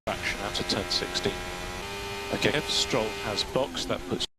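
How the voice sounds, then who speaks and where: Low-voiced man on very noisy team radio. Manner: measured, instructional, reads out gaps and numbers. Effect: team radio transmission. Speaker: race engineer. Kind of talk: team radio race updates and coaching. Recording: very noisy team radio, humming, engine noise. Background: loud hum and car noise.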